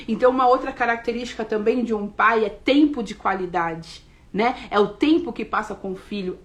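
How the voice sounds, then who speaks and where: Woman, slightly high voice, earnest confessional devotional talk. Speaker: devotional speaker. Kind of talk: morning devotional message.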